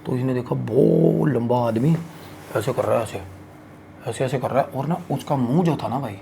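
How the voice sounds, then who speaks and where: A man's voice: medium pitch, moderate pace, vocal fry, dark tone, slight background noise. A man hosting a podcast, telling a horror story in a casual, crude and slangy way full of swearing.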